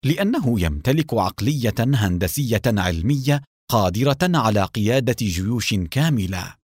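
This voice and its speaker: A cold, condescending middle-aged doctor, voiced by a male storyteller, curt and stiff with a haughty edge. His lines rise and fall in a lively way. The sound is dry and close. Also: fairly low pitch, moderate pace, slightly rough, no echo. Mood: dismissive.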